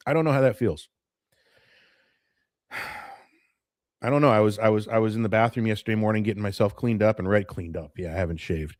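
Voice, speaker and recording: His voice sits lowish and a little mellow, at normal speed with long pauses, captured dry in studio quality. This late-forties man loosely chats with viewers on a morning live stream, nostalgic about change and prone to going off on tangents.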